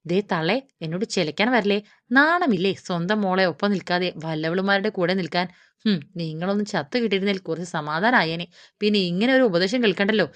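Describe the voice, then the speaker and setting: A woman's voice: mid-range voice, brisk, fairly bright tone, dry recording, lightly acted. A woman voicing a spiteful, contemptuous young woman who insults her elders. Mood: scornful. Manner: contemptuous, sneering. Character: spiteful young woman villain, rude and cruel. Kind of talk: audiobook character reading.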